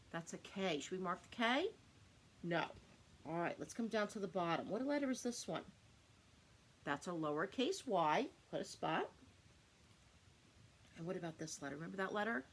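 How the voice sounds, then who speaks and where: A woman's voice: on the low side, slight background noise. A middle-aged woman leading a young children's lesson like a kids show host, asking simple questions and answering them herself. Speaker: preschool teacher. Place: living room at home.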